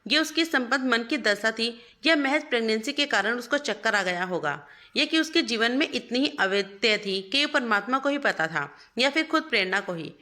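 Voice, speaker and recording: A woman storyteller narrates with an earnest, steady delivery. Her voice is bright and fairly high, suited to an emotional story reading. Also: normal speed.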